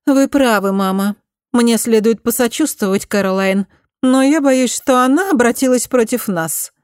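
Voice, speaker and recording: Woman doing a shrill spoiled young noblewoman. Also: normal speed, smooth, dry recording, studio quality, natural voice. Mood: scheming. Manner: high, loud, indignant.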